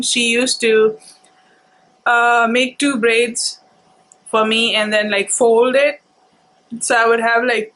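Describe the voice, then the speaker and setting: A woman vlogger telling personal stories casually, in a halting, reflective, unhurried way. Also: on the high side, a bit bright, low-quality recording.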